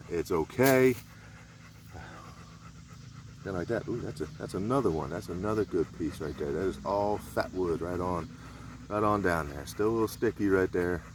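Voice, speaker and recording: A man demonstrating survival skills outdoors in a relaxed, rambling, folksy way. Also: deep voice, a little hiss or hum. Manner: laid-back, rambling, folksy. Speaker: survival vlogger. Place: outdoors in a rural area.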